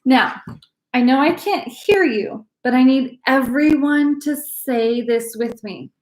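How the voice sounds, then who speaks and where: A woman's voice: high voice, takes it slowly, echoey room, poor audio. A woman teaching a live online wine class, chatty and bubbly, with many fillers. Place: home room, live video class.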